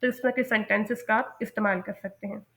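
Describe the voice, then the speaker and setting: A woman giving a lecture on English phrases, slowly spelling out each example sentence. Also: mid-range voice, fairly even intonation, fairly bright tone. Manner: slow, careful enunciation of English example sentences. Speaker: English teacher.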